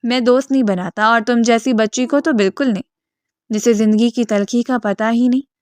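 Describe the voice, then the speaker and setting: A woman's voice: on the high side, steady tone, darkish tone, no room sound, close to an everyday voice. Woman voicing a bitter, scolding sick man. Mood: bitter, angry. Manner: harsh, scolding. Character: angry sick divorced man, thirty-two, bitter.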